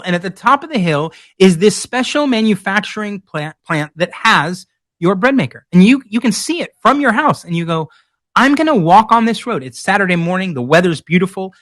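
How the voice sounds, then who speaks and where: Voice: mid-range voice, fairly bright tone. A conference speaker telling a vivid second-person story, acting out quotes and repeating phrases for emphasis. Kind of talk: storytelling keynote talk.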